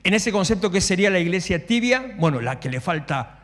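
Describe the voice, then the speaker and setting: Rioplatense male pastor, fairly high voice, lively and humorous delivery, long church reverb. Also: fairly quick. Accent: Rioplatense Spanish. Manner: animated, humorous, acts out shouting worshippers. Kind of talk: sermon. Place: church sanctuary. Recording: echoey church hall.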